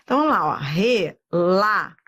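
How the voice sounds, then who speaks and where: Slow, high-voiced Brazilian woman teacher. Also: lively intonation. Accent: Brazilian Portuguese. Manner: slow, drawn-out spelling of words with frequent checks like "tá?". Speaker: Portuguese teacher. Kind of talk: recorded exam-prep lesson.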